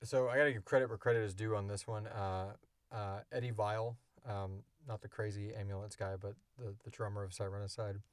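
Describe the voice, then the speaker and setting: A podcast co-creator and co-host chats off the cuff in a casual, unscripted Q&A, explaining things in a rambling, informal way. His voice is lowish and steady, his delivery brisk, and the recording dry.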